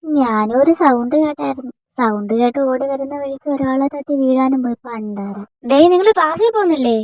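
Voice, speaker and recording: A young woman voicing a lively, quick-tongued female first-year student who squabbles with her friends in an amateur dubbed romance drama. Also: sits high, no room sound. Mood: chatty. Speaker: fan dub voice actor.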